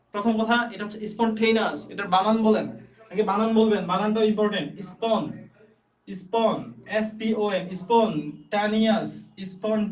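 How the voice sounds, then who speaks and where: A man's voice: high-pitched, echoey room, distant mic. A young Bangladeshi man teaching English vocabulary in a live online class, chatty, reading out student comments and spelling words aloud. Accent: Bangladeshi Bengali. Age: young adult. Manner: chatty, reads out student comments and praises them. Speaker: English admission tutor.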